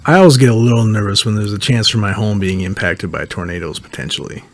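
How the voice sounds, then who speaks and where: A man's voice: on the low side, fast, a little hiss or hum. An American man giving casual, reflective narration as a storm chaser. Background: faint music.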